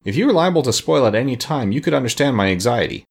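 A man's voice: medium pitch, lively intonation, quick pace, creaky, breathy edge, pitched above the performer's own voice. A man voicing a gloomy, anxious pumpkin-headed figure who wails mournfully, in a storybook reading. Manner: wailing, mournful.

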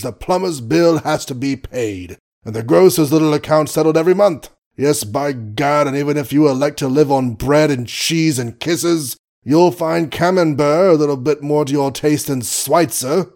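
A man's voice: a little high, darkish tone, voice pushed up. A man reading the part of a blustering, doting old colonel who swears mildly and teases his daughter. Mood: teasing.

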